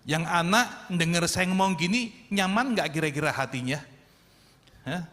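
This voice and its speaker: Man preaching, high bright voice, long church reverb, animated, plays out quotes. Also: normal speed. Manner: animated, acts out quoted voices, addresses congregation often. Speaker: pastor. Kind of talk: sermon. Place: church sanctuary. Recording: echoey church hall.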